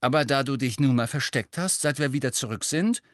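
A man voicing a blunt, fiery teenage girl who speaks forcefully. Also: mid-range voice, brisk, dry recording, clean studio sound, voice pushed up, lightly acted.

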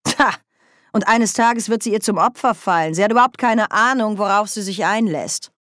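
A woman's voice: mid-range voice, moderate pace, fairly bright tone, dry recording, studio quality, voice pushed up, close to an everyday voice. A woman voicing a proud, scheming sorceress who speaks with cool superiority and false friendliness in a storybook reading. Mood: cutting.

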